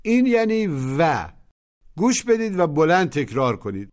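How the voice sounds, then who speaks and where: A man's voice: high voice, wildly swooping pitch. Man instructing on a lesson tape. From Iran. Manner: didactic, coaching. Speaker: language teacher. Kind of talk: taped language lesson instructions.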